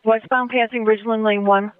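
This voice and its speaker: A man's voice: sits high, steady tone, a little fast, clean tone. A man dispatching over police radio, repeating back each report in short clipped phrases. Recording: tinny police radio transmission.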